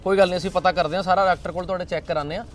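A man's voice: high-pitched, fairly even intonation, very fast. A man hosting a charity street interview, consoling and reassuring the people he speaks with. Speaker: charity volunteer host.

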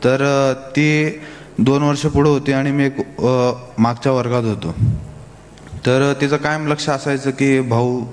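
A man's voice: mid-range voice, fairly even intonation, a little slow. Man telling his life story in an echoey hall. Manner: plain, hesitant storytelling with frequent fillers. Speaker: guest speaker at a youth summit. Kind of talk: storytelling talk to an audience. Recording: echoey hall, faint hiss.

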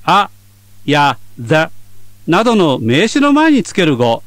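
A man teaching English on a radio lesson, explaining clearly in scripted narration. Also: a little high, wildly swooping pitch, slow, fairly bright tone, dry recording. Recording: dry studio sound.

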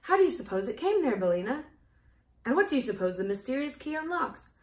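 A woman's voice: high-pitched, sing-song, fast talker, voice pushed up. A woman voicing an earnest, curious young farm girl in a storybook reading, with a raised, wide-eyed tone, in a roomy, echoey recording. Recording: roomy echo.

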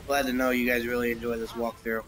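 A man's voice: medium pitch, completely flat delivery, fast talker, fairly bright tone, faint music behind. A young man casually commenting while playing a racing game, rambling and reacting aloud, with the hiccups. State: has the hiccups. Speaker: gameplay commentator. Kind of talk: casual let's-play commentary.

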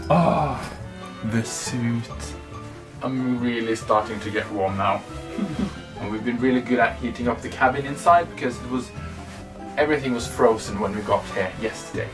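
This casual vlog features a young man from Norway, Norwegian accent, speaking at a medium pitch and moderate pace over music. He's chatty and playful and laughs frequently, starting in a wooden cabin before heading out into the snowy mountains.

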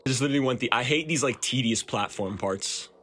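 A man's voice: mid-range voice, fast talker, a bit bright, husky. A young man commenting on a game with friends, wry and profane, grumbling about tedious parts. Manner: wry, profane, complains and jokes. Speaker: co-host. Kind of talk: let's play commentary.

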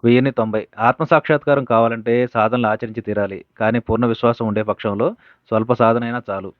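A man reads devotional teachings and tales aloud at an even, steady pace, pausing now and then to correct himself. The audio is thin and narrow like a phone line, with a close, dry sound and no room echo. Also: medium pitch. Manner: steady reading with occasional self-corrections. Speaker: reader of spiritual teachings. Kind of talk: reading a devotional book aloud.

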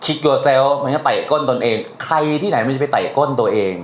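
A man's voice: medium pitch, moderate pace. A man teaching a translation class in a casual, chatty way, often quizzing his students with questions. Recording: echoey room with faint noise.

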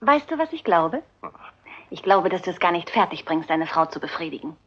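A woman's voice: fairly low pitch, big pitch swings, a little fast, a bit bright. An actress playing a defiant circus woman who mocks and rebuffs a pushy admirer, in a German film dub. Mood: taunting. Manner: scornful, taunting, with hissed whispers. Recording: dull lo-fi film soundtrack.

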